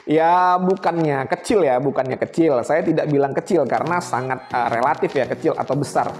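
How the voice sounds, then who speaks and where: Speaking a little fast at a fairly high pitch over soft background music, a man hosts his channel and explains things to camera in a chatty way. By day an air traffic controller, he addresses viewers directly as friends, often with rhetorical questions. A lapel mic picks him up in a small studio-like room.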